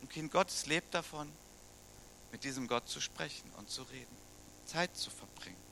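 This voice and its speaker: A middle-aged pastor from Germany preaches expressively at normal speed, his mid-range voice creaky, bright and forceful. The sermon is conversational and laced with questions to his listeners, and a little hiss or hum is audible.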